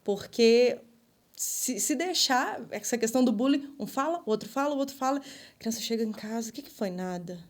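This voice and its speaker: Woman, podcast guest, mother, casual talk, playacts little dialogues, slightly high voice. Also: normal speed. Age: adult mother. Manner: acts out quoted voices of parents and children. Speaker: podcast guest, ministry leader.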